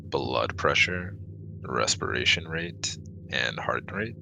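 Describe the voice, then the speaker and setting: With an exaggerated bass voice, creaky and extremely low, a man performs a clinical, officious alien exobiologist for a scripted ASMR roleplay. The character is formal, precise and quick to lose patience, speaking slowly with lively intonation, while noticeable noise runs through the audio.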